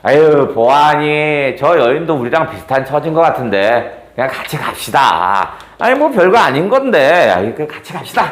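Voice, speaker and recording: A man playing a laid-back older man who smooths things over calmly. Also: on the high side, normal speed, few pauses, roomy sound, slight background noise, natural voice. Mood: easygoing. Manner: relaxed, placating, chuckling.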